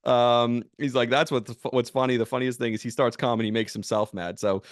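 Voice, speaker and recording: A man hosting a sports podcast, delivering an opinionated, emphatic monologue in a casual way that builds into loud bursts. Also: mid-range voice, steady tone, brisk, dry recording, clean studio sound. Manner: casual with fillers and restarts.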